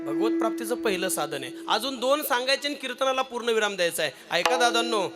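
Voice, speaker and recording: A man's voice: extremely high pitch, expressive, fast, loud music behind the voice. A man with a Marathi accent preaching a devotional kirtan, asking the audience questions, singing verses and laughing often.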